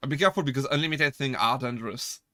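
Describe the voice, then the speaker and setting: A man's voice: mid-range voice, fast talker, fairly bright tone, no room sound, clean studio sound. A man streaming as a VTuber, chatting casually, rambling, correcting himself and laughing often as he answers chat.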